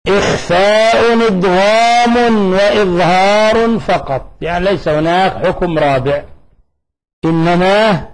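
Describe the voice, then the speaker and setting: A man's voice: on the high side, rough recording. A man teaching a Quran recitation lesson, asking his students questions and sounding out letters to show how they are made. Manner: quizzes students and demonstrates letter sounds aloud.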